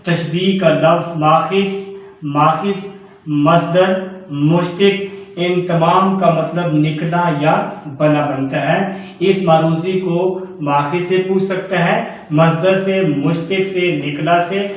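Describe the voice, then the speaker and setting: A man teaching a grammar lesson as a professor. He speaks deliberately, repeats key terms and addresses his students as children. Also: fairly high pitch, fairly even intonation. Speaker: Urdu professor. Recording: very echoey, tinny phone-like sound.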